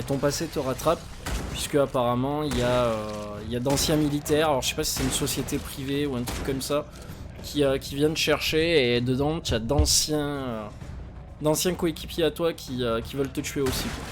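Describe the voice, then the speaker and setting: A man's voice: medium pitch, moderate pace. A man giving live, rambling commentary while he plays a video game, with lots of fillers and pained cries when he gets hit. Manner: rambling and casual, with many fillers and pained exclamations. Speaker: streamer. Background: game music.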